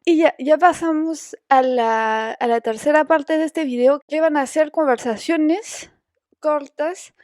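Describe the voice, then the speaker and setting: A woman from France with a French accent, a native French speaker, teaching a language lesson in Spanish and slowly repeating phrases for her students. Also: high voice, darkish tone, no echo, clean studio sound, soft background music. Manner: slow, patient, repeats phrases.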